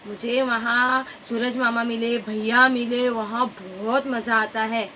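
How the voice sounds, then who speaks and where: A woman voicing a curious, timid little raindrop boy in a children's story, with a high childlike pleading voice. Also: fairly even intonation, takes it slowly, bright, forceful tone, a little hiss or hum. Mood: excited.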